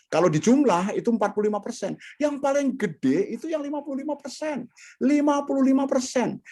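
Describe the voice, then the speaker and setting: A man teaching communication skills in an online training session, talking straight to his audience over a video call. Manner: animated, swings pitch widely, addresses audience directly.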